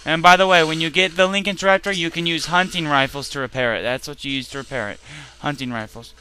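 A man hosting a let's play, talking through his game with loud, profane outbursts at enemies. His voice is bright and forceful and sits a little high for a man. He says he is tired and irritated. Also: fairly even intonation, fast. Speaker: gaming channel host. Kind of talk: casual let's play commentary.

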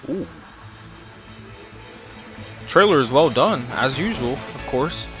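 A young man hosts a video with casual, slangy, exclamatory reaction commentary, speaking close to the mic in a small home room while game trailer music plays behind him. His voice is medium-pitched and fairly bright, with lively intonation and a slow pace.

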